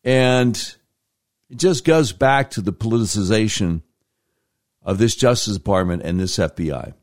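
A man's voice: lowish voice, lively intonation. An American man giving conversational political commentary as a talk show host, leaning on words and repeating them for emphasis. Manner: emphatic, drawn-out delivery with deliberate repetition.

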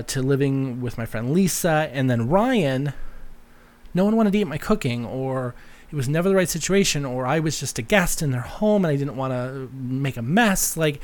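A man's voice: mid-range voice, a little mellow. A man hosting a solo podcast in a casual, rambling, chatty way with a campy touch. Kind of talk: casual, rambling personal chat.

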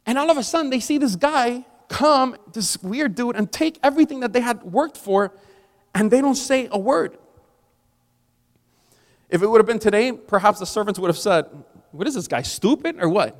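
High-voiced man in his forties preaching. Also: lively intonation, normal speed. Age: 40s. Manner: conversational preaching with rising emphatic peaks. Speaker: pastor. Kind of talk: sermon. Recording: long hall reverb.

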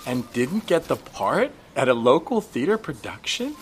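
A man playing a blunt, probing woman shopper and young mother who questions a stranger with deadpan persistence in an improvised comedy scene. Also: medium pitch, normal speed, a little hiss or hum, lightly acted.

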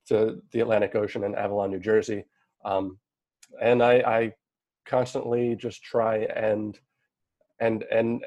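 A man's voice: lowish voice, mellow, no room sound. A man in his thirties or later, introducing himself on a panel in an earnest way, with many restarts and fillers.

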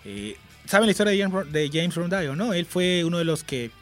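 A man's voice: sits high, animated, fairly quick, soft background music. A young Peruvian man co-hosting a student radio show in casual chat, hesitant with many fillers and restarts. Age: young adult.

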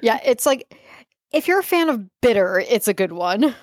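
A woman's voice: fairly high pitch, sing-song, moderate pace, dry recording, studio quality. A woman with a Chicago accent co-hosting a podcast in laid-back, wry casual chat. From Chicago area. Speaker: podcast co-host.

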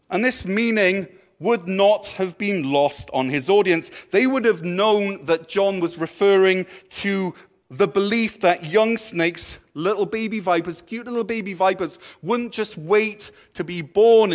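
High-voiced pastor preaching. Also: male voice. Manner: conversational, playful, with restarts. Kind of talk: sermon.

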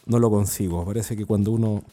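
A man with a Chilean accent, a sales consultant who hosts a solo podcast, talks in a chatty, earnest manner with many fillers and restarts. His fairly low voice is steady and warm, and his pace is brisk.

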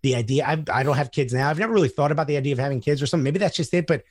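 A man chats as a podcast guest, swearing freely and acting out the people in his stories. His voice sits a bit high for a man, and the recording is dry and close with no room sound. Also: rapid-fire, no echo. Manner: animated storyteller, swears freely, acts out quotes. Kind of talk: casual chat.

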